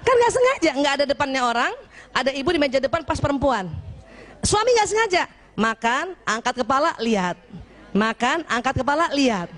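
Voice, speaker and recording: An Indonesian woman giving a lively religious lecture to women, playfully acting out husbands and wives as she talks. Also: high-pitched, fairly quick. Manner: lively, playful, often acts out husband and wife.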